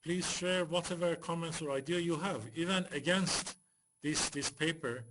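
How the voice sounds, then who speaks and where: Male panelist, fairly high voice, video call breaking up and dropping out, noisy line. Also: normal speed. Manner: repeatedly checking if he can be heard. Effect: call dropping out, audio breaking up. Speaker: panelist in an online discussion. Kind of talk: live video call discussion.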